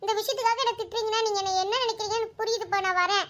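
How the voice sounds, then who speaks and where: A woman voicing a stubborn young daughter in her twenties in a cartoon, talking in a rapid, squeaky, pleading way. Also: steady tone, a bit bright. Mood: protesting. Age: 20s. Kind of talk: cartoon voice acting.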